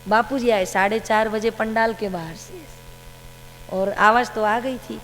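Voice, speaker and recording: A woman's voice: on the high side, a little slow, fairly bright tone, faint music behind. A woman giving a devotional satsang talk, telling a story about her guru and quoting his words. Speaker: satsang speaker. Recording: long hall reverb with faint hum.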